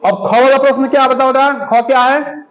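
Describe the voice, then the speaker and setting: A man's voice: very high voice, level tone, normal speed, fairly bright tone. A male primary school teacher leading a math lesson in class, asking the children questions again and again. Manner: repetitive call-and-response questioning. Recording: dull lo-fi classroom recording with children.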